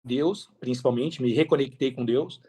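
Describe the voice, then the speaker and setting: This podcast guest is a Brazilian man with a mid-range, mellow, husky voice and a moderate pace. He shares his story candidly and conversationally, talking a lot and leaning on slang and tag questions.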